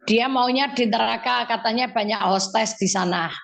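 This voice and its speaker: High-voiced woman telling a story. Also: normal speed, vocal fry, fairly bright tone, rough recording. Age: 40s or older. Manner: homely, storytelling, acts out dialogue. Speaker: guest speaker. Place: radio studio.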